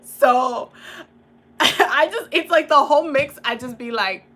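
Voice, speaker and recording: A young woman from the Dominican Republic talks in a loose, slangy livestream chat, laughing often between thoughts. Her voice is bright and a little high. A faint background hiss sits under the recording. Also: slow. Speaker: tarot and oracle reader.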